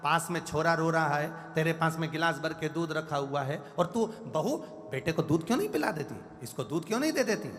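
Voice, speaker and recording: A man voicing an impatient older mother-in-law who scolds her daughter-in-law in a rapid rush. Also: a little high, animated, a bit bright, in a large hall, soft background music. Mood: scolding.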